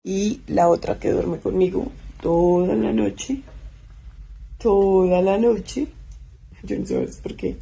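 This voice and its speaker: A woman's voice: on the low side, steady tone, measured pace, creaky, few pauses, dark tone, husky. A woman, chatting casually to her viewers in a vlog and doting on her dogs in baby talk. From Colombia. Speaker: dog rescuer vlogger.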